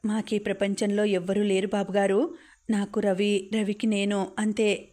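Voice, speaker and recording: A woman voicing a grieving young woman, a devoted older sister who pleads softly, in an audiobook reading. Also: mid-range voice, completely flat delivery, unhurried, close to an everyday voice. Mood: sad pleading.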